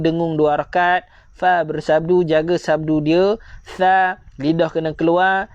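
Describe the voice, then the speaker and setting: A man with a Malaysian accent teaching Quran recitation online, correcting mistakes and repeating slow, drawn-out examples. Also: a little high, darkish tone, dry recording, dull audio.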